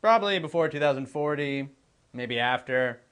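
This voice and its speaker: A man playing a baffled, blunt scientist in a mock documentary interview, matter-of-fact and deadpan. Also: medium pitch, moderate pace, lightly acted.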